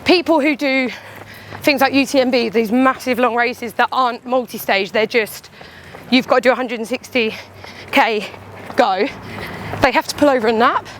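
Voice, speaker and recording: A woman with a high voice chats to the camera while running outdoors. Her delivery is candid and animated, a casual vlog monologue that slips into little imagined quotes. Faint traffic and ambient noise sit behind her. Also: normal speed. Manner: talking while out on a run. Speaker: runner and vlogger.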